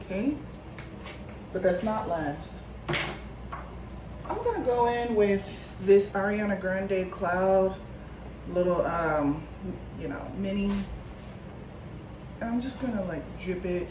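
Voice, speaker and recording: A woman's voice: medium pitch, expressive, slow pace, pauses often. Chatty woman vlogging in an echoey room. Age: 30s. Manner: chatty, rambling with fillers like "like" and "you know". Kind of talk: casual vlog chat. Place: home room, getting ready. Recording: echoey room with clear background noise.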